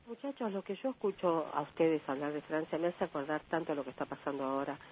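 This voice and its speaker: A woman's voice: low-pitched, quick pace, a little mellow. A woman calling a radio show, speaking earnestly and affectionately. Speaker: radio caller. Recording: tinny phone line, faint hiss.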